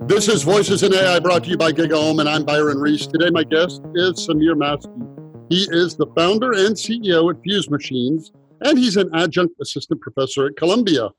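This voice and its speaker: A man's voice: a little high, moderate pace, soft background music. A man hosting an interview podcast, asking long, curious questions and thinking aloud as he goes. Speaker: podcast host.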